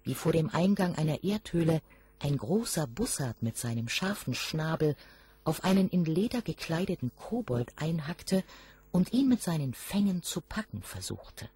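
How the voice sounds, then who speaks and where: A woman narrating a German fairy tale in a slow, expressive storytelling manner. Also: deep voice, slightly rough.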